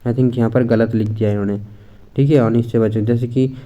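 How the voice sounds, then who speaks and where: A man's voice: medium pitch, fairly even intonation, fairly quick, warm tone, muffled recording. A man teaching an exam-prep grammar lesson in a chatty way, repeating points and mixing in English words.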